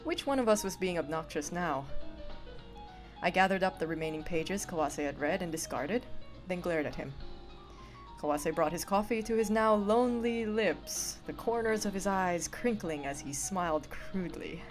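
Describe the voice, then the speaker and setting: A woman streamer reading visual novel narration aloud in an expressive, playful way. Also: lowish voice, moderate pace, soft background music. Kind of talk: reading narration with casual asides.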